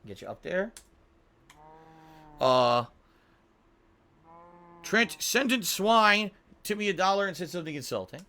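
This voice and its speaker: Frustrated streamer man, bright voice. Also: high-pitched, lively intonation, unhurried, pauses often. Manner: frustrated, venting, heavy swearing; repeats himself, reads out viewer tips. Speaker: game streamer. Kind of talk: casual live-stream chat.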